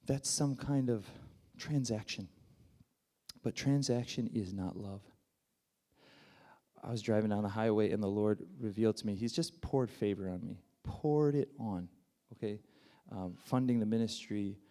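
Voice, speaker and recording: A man's voice: on the low side, warm tone. A man preaching a sermon with emotion, building to fervent peaks and falling back to near whispers.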